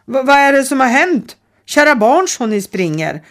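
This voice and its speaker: A woman's voice: sits high, sing-song, a bit bright, pitched above the performer's own voice, heavily acted. A woman voicing a fussy old train driver. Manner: fussy, old-fashioned, fretting.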